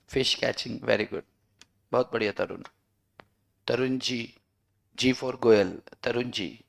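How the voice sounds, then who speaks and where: A man's voice: medium pitch, creaky. A man teaching a law class online, joking and bantering with his students.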